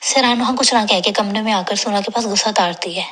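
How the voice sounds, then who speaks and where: Bright, husky-voiced woman recapping a drama. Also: mid-range voice. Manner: brisk storytelling, reads characters' lines in her own plain voice. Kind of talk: retelling a TV drama episode.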